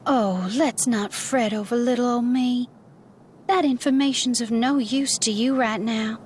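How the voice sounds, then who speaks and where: An actress playing a playful, mysterious all-seeing fortune teller in a video game, with a theatrical, coy, mystical manner. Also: female voice, a little high, a little slow, a little mellow, a little hiss or hum, lightly acted. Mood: knowing, mystical. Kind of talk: video game character acting.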